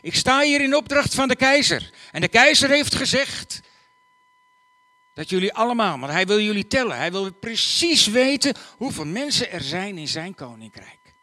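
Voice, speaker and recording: A man doing a loud, proclaiming imperial herald. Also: high-pitched, sing-song, moderate pace, dry recording, pitched above the performer's own voice, exaggerated voice.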